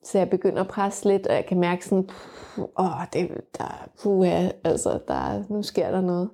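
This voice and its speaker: Young adult woman, frank personal storyteller, mellow warm tone, some fillers. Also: fairly low pitch, very animated, creaky. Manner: vivid, frank and reflective, with frequent fillers. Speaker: mother telling her birth story.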